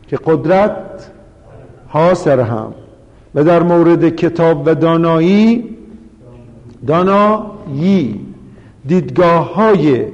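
A man's voice: fairly high pitch, dark tone. Guy with a yazdi accent teaching spelling, asks the class stuff and answers it himself, dull echoey recording. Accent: Yazdi Persian. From Yazd, Iran. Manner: explains step by step, asks the class questions and answers them. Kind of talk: classroom lecture on spelling and pronunciation. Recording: dull recording with long room reverb.

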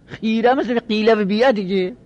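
A teacher from Lorestan talks through grammar in his Luri Persian accent, his voice sitting noticeably high for a man. He lectures steadily, going over each example more than once and pausing to make sure the class is keeping up. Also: darkish tone, dull audio. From Lorestan, Iran. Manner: explains patiently, repeats each example, often checks the class follows.

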